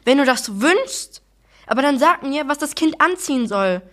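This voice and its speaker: A worried mother in a storybook, pleading with her husband, her voice climbing high as she argues, read aloud by a woman. She sounds strained and urgent. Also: moderate pace, close to an everyday voice. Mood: upset.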